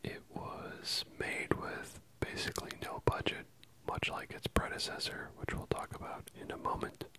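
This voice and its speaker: Someone whispering softly and closely from ear to ear, giving a casual ASMR film review with hesitant pauses. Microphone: close stereo microphone, ear-to-ear panning.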